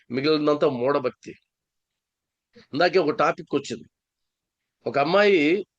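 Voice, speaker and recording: The audio is dull, carrying a fairly high-pitched male voice. The speaker, a psychologist and spiritual teacher from Andhra Pradesh, relates a story in a satsang talk and repeats key phrases to drive them home.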